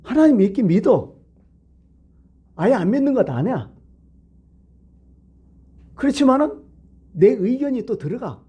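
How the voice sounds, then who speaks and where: Husky dark-voiced male pastor preaching. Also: extremely high pitch, big pitch swings, measured pace, long pauses. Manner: conversational preaching with rhetorical questions. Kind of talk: midweek sermon. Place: church sanctuary.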